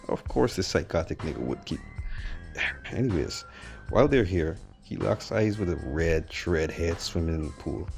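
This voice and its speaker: A man's voice: sits low, creaky, darkish tone. A man narrating a sarcastic movie review in a blunt, mocking, slangy way.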